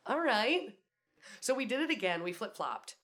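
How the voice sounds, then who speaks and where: A woman's voice: a little high, sing-song, normal speed, a bit bright. A young woman from Wisconsin co-hosting a podcast in casual chat, laughing often and swearing freely. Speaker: podcast co-host.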